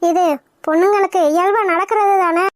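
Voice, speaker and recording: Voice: very high-pitched, steady tone. A performer voicing a practical mother in a cartoon who lectures her family firmly. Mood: teasing. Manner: lecturing, brisk and firm. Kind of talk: cartoon voice acting.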